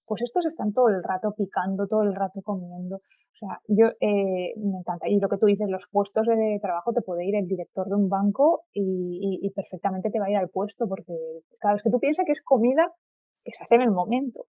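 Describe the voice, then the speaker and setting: A woman from Spain with a Castilian Spanish accent chats casually as a podcast guest, rambling informally in a mid-range voice at a slightly fast pace. Her call audio is thin, narrow and tinny, with no room sound.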